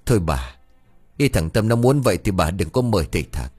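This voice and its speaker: A man voicing a grieving middle-aged rural uncle with a husky, gruff manner. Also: deep voice, very animated, fairly quick, darkish tone, soft background music, exaggerated voice. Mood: resigned.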